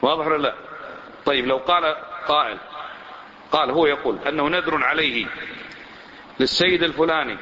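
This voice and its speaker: A man's voice: on the high side, a little fast, long pauses, a crowd in the background. A middle-aged man teaching a religious lesson as a sheikh, who questions his listeners and repeats points for emphasis, heard on a dull lo-fi recording. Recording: dull lo-fi recording with faint hiss.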